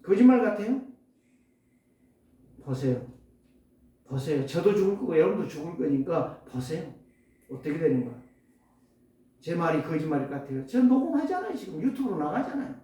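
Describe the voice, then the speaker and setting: High, animated preacher in an echoing church. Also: male voice, moderate pace, long pauses. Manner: emphatic, rhetorical questions, sudden loud and soft swings. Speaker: pastor. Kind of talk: sermon. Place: church sanctuary. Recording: echoey church hall, distant mic.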